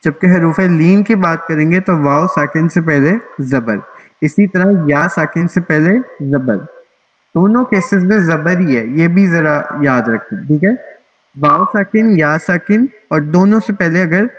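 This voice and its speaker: A man teaching Quran recitation in an online class, explaining rules patiently and pausing often to check that everyone follows. His voice sits a bit high for a man, and it comes through a dull, lo-fi video call line.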